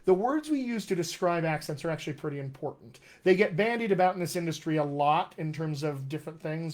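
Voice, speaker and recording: Here a dialect coach from Colorado leads a casual live Q&A, sounding upbeat and teacherly. His voice sits a little high and comes across a little mellow, and his General American accent has touches of West Texas and upstate New York.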